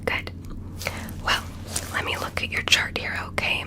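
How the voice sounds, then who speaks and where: A woman whispering soothing, deliberate instructions as a doctor in an ASMR roleplay.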